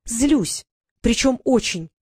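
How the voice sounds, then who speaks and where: A woman's voice: a little high, expressive, takes it slowly, husky, dry recording, studio quality, pitched above the performer's own voice, exaggerated voice. Woman doing a bossy little fairy courtier. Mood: prying. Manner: haughty, easily irritated, lecturing. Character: tiny fussy grumpy female fairy courtier. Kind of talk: audiobook character voice.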